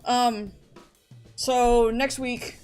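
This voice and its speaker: A woman streams and talks loosely to her viewers, wandering off on tangents and circling back. Her voice sits a little on the high side. Soft game music plays faintly behind her. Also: steady tone, drawn-out words, clean tone. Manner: rambling, chatty, often restarts and trails off. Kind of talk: casual chat to a live stream audience.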